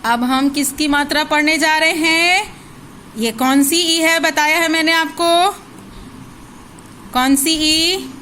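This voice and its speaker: Woman teacher, high voice, very slow and drawn out, spelling words for little kids, faint hiss behind. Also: bright, forceful tone, poor audio. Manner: spells words syllable by syllable, asks questions and answers them herself. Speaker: primary school teacher. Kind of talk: slow, drilled recitation lesson for young children.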